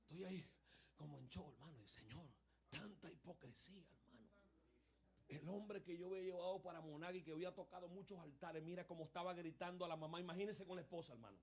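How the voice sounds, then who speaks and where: A man from Venezuela, preaching a sermon in an animated storytelling style, often calling out "hermano" and "pastor". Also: high voice, racing. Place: church.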